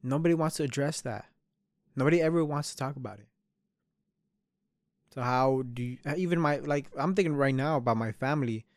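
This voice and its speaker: This is a twenty-something man alone on his podcast, musing frankly with frequent profanity and half-finished thoughts he keeps restarting. He talks briskly at medium pitch but leaves long pauses, and the studio sound is clean and dry.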